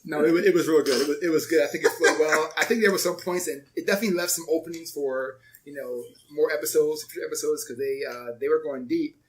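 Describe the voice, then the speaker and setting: A man in his thirties co-hosting a casual podcast chat, relaxed and thoughtful, pausing often with fillers. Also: fairly high pitch. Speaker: podcast co-host.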